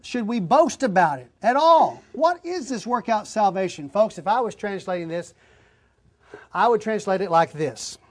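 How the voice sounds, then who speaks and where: A man's voice: high-pitched, lively intonation, moderate pace. A man preaching an expository sermon, reading scripture aloud and then explaining it plainly to his listeners, whom he calls folks.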